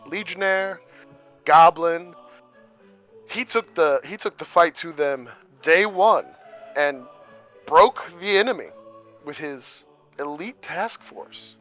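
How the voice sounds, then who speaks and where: Game master man on muffled audio. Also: on the high side. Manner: relaxed, descriptive storytelling with fillers. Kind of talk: narrating a tabletop game.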